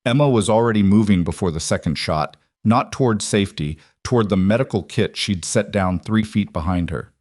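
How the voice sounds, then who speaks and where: A man narrating a dramatic story in a measured, scripted reading. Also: on the low side, a little mellow, no echo, studio quality.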